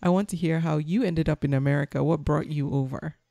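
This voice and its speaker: A woman's voice: low voice, fairly even intonation, fairly quick, vocal fry, mellow, dry recording. A woman from Nigeria hosting a podcast, chatting casually with a guest and laughing often. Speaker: podcast host. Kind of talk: casual interview chat.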